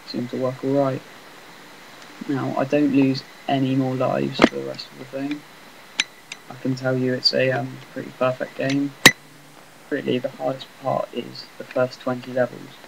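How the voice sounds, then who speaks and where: Flat gravelly dude rambling over his game, laptop mic, bit of hiss. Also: medium pitch, low-quality recording. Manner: rambling, self-deprecating, monotonous. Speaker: gameplay commentator. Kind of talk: casual game commentary.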